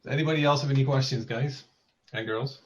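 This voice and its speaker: A man's voice: medium pitch, fairly even intonation, fast, muffled recording. A man hosting a casual live stream, friendly and laughing as he prompts the audience. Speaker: host of a rum club live stream.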